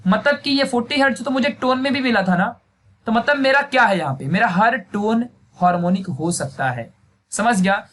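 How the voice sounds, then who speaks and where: A man's voice: high voice, expressive, moderate pace, a bit bright. A young man teaching a physics lesson, talking in a chatty way and often checking that students follow. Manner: chatty, repeats checks like "samajh gaya?". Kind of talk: Hindi classroom video lesson. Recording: faint background noise.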